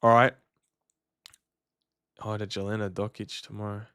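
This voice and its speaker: A man's voice: lowish voice, flat delivery, moderate pace, fairly bright tone, clean tone, dry recording, clean studio sound. A man, chatting casually to livestream viewers in a slangy, matey way. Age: 30s. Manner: laid-back slangy, matey address. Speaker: livestream host.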